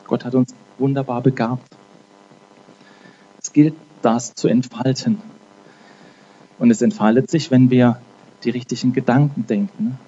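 Man preaching casually, dark voice. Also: mid-range voice, steady tone, a little slow, long pauses, dull audio, a little hiss or hum. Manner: conversational, frequent "ne?" tags; repeats and restarts words. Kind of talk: informal sermon with prayer.

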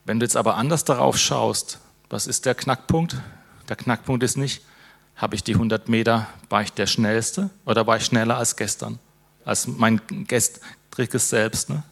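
Gravelly-voiced preacher, chatty sermon. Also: male voice, mid-range voice, fairly even intonation, moderate pace. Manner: conversational, many fillers and tag questions; closes with a prayer. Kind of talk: informal sermon.

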